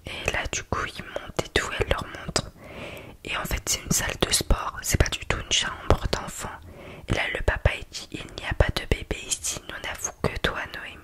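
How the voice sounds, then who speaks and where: A woman telling a story in a soft, breathy library whisper, ASMR style, in an informal and hesitant conversational manner. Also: normal speed. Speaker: ASMR video creator.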